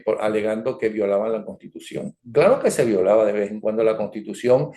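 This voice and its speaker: A man's voice: on the low side, a little fast, dark tone. An older man with a Venezuelan accent hosting an interview, asking leading questions and drifting into history asides with tag questions like "no?". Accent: Venezuelan Spanish. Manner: digressive, leading questions, frequent "¿ok?" and "¿no?" tags. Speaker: interview host. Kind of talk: conversational interview. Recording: roomy echo.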